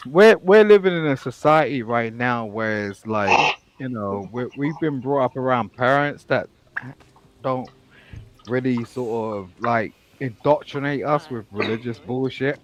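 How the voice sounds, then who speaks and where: A man arguing in a casual online debate, halting with many fillers and restarts. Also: mid-range voice, slight background noise. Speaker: debate panelist.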